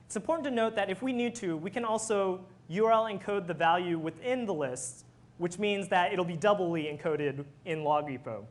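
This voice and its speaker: Engineer presenting, sex open: mid-pitched, explanatory, walks listeners through step by step. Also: normal speed. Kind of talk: technical presentation.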